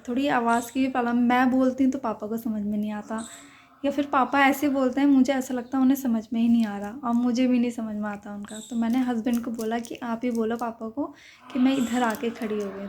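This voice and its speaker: A young woman talks into her phone camera in a casual vlog, piling up fillers as she tells it. Her voice sits a little high. Faint background noise runs under her. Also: darkish tone. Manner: chatty, recounting with many fillers. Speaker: vlogger.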